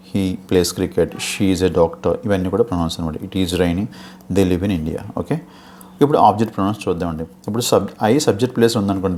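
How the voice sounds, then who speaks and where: In a low, warm voice, a man with a Telugu accent patiently explains English grammar to teacher-exam candidates and keeps asking "okay?". The lecture mixes Telugu with English terms, and a little hiss or hum sits underneath.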